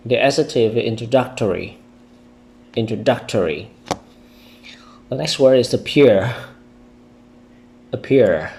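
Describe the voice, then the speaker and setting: A man with a Vietnamese accent teaching English vocabulary, slowly repeating words to drill their stress. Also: mid-range voice, gravelly, darkish tone. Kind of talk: vocabulary lesson with pronunciation drills.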